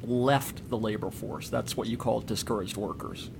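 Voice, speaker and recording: A man's voice: on the low side, steady tone, normal speed, vocal fry, a little mellow, a little hiss or hum. A man hosting an interview, asking conversational questions of a guest. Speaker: host.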